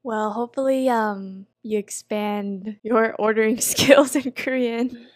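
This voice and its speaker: A woman with a somewhat high voice chats casually and asks teasing questions. Her sound is close and dry. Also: fairly even intonation, takes it slowly, no room sound. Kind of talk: casual chat.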